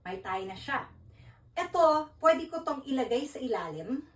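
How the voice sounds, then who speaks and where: A woman with a Filipino accent hosting a casual fashion vlog, chatty and animated while she dresses and styles an outfit. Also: sits high, a little slow, echoey room, distant mic, rough recording. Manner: chatty, Taglish code-switching, animated. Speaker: fashion vlogger.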